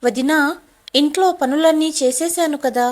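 A woman's voice: high voice, moderate pace, darkish tone, close to an everyday voice. A woman voicing a meek eighteen-year-old girl who pleads tearfully in a storybook drama. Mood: pleading.

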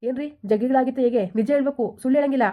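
A woman's voice: high-pitched, steady tone, racing, lo-fi sound, natural voice. A woman doing a stern village police officer. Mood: questioning. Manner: firm, questioning.

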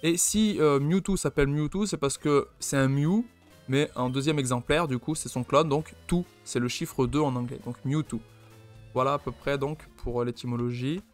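A man's voice: medium pitch, normal speed, soft background music. A man with a French accent hosting an unscripted let's play, thinking aloud with many fillers and restarts. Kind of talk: unscripted gameplay commentary.

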